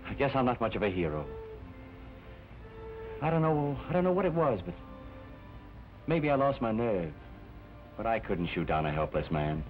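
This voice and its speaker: An actor playing a young, self-mocking wartime flying lieutenant with a wry, self-deprecating manner, in early talkie film sound. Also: male voice, lowish voice, big pitch swings, normal speed, pauses often. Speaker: pilot. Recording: dull 1930 film soundtrack, faint music.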